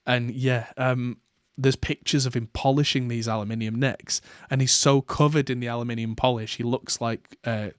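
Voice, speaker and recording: A man chats through a podcast segment in a relaxed, rambling way, with lots of "uh"s and restarts. His voice sits in a middle pitch. The sound is dry and close, with no room around it. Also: normal speed, hardly any pauses, clean tone, dry recording. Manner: rambling, with many fillers and restarts. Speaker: podcast host. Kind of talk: casual chat.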